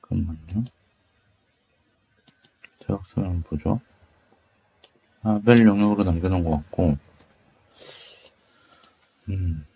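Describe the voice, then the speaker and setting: Here the tech channel host's voice sits low, warm yet gravelly and husky, moving at a measured pace with frequent pauses. He comments on his screen in a demo, thinking aloud in a musing, tentative, casual murmur to himself. The microphone sound is dull and lo-fi.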